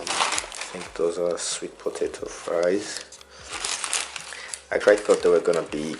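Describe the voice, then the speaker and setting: This casual, informal solo vlog features a young adult with a very deep, gravelly voice made congested and nasal by a bad cold, like they're holding their nose. There's background noise, a roomy echo, and music behind the talk.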